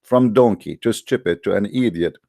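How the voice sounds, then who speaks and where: A gravelly yet mellow low voice at normal speed belongs to a man from the Middle East whose English bears his native Arabic accent. He hosts a religious call-in debate, launching a boastful, combative monologue in short, emphatic bursts, and the studio-quality recording has no room sound.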